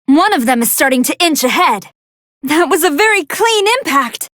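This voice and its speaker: Female android scientist, video game fight commentator, very high voice, animated intonation, articulate, analytical. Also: moderate pace, dry recording, studio quality. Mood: composed, analytical.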